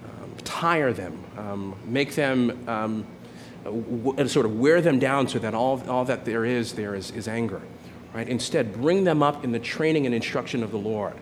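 A man's voice: medium pitch, normal speed, hardly any pauses, a little hiss or hum. A man in his forties preaching a sermon in a conversational way, often checking in with "right?" and restarting his phrases. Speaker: pastor.

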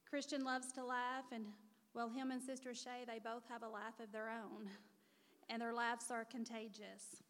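Woman, 40s, mother of the honoree. Earnest, heartfelt prepared speech, slightly high voice, long reverb of a church hall. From Missouri. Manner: earnest, heartfelt, reading from notes.

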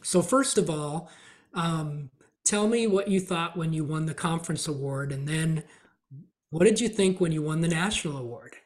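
A man hosting an interview podcast, asking questions in a measured way and recounting details of the guest's achievements. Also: on the high side. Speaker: podcast host, conference commissioner. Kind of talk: interview host.

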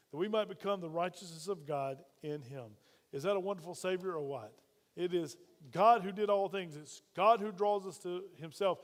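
Male pastor, high voice, lively sermon delivery with questions to the pews, long church reverb. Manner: energetic, calls out questions to the congregation.

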